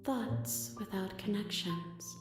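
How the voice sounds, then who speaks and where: An actress playing a solemn, curious otherworldly female entity in a game, speaking softly and breathily in a measured, poetic way. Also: mid-range voice, close to an everyday voice. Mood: solemn, wondering. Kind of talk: dramatic game voice acting. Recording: echoing voice over music.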